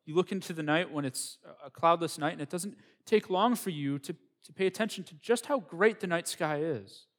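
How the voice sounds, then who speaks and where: A man's voice: on the high side, normal speed, hardly any pauses. Earnest man preaching a sermon. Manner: earnest, reflective preaching with rising emphasis. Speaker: pastor.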